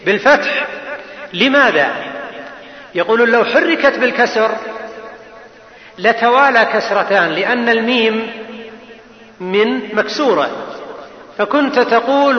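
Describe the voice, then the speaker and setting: A man teaching grammar to students as a sheikh, often asking them rhetorical questions to check they follow. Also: sits high. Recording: echoey hall, dull lo-fi sound.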